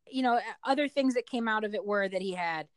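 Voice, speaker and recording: A woman's voice: medium pitch, brisk, smooth, no echo. Talkative middle-aged woman, close dry sound. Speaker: parent interviewed about their child. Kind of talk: personal storytelling in conversation.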